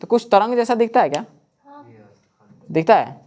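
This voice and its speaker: A man's voice: sits high, animated, moderate pace, a little mellow. A man teaching in a coaching classroom. He keeps asking the class questions and answering them himself. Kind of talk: classroom lecture.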